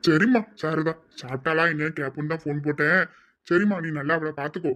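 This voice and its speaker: A man voicing an earnest, worried middle-aged father who speaks quietly. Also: a little high, quick pace, natural voice. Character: middle-aged father, worried and set on marrying off his daughter. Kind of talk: hobby audio drama.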